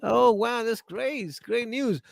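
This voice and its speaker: A man with a Chilean accent teaching English on a video call, animated and encouraging, speaking slowly and clearly for learners. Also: very high-pitched, no echo. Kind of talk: online English class.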